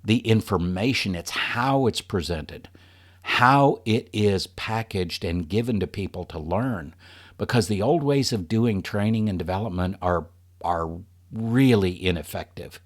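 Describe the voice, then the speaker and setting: A man's voice: on the low side, a little slow. A man presenting a leadership training program to an audience in an earnest, emphatic way.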